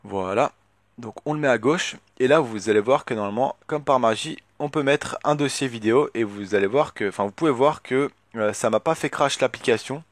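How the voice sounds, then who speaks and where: A man talking casually through a software tutorial at his computer, hesitant and full of filler words as he thinks aloud. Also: mid-range voice, a little fast, no echo. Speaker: tutorial youtuber.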